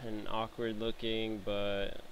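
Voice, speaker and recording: A man's voice: on the low side, completely flat delivery, takes it slowly, slight background noise, low-quality recording. A man narrating a casual game-building tutorial over footage, rambling with lots of fillers and restarts.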